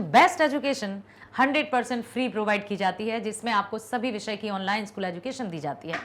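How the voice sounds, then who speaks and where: A woman teacher giving an online lesson to children, slowly drawing out each syllable, repeating words for pupils to echo and praising them often. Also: on the high side, fairly bright tone. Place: recorded for an online class video.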